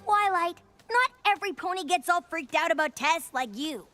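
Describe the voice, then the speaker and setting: A woman's voice: very high-pitched, lively intonation, moderate pace. A woman voicing a brash, sporty young female pegasus in a cartoon, cocky and sarcastic, with music behind.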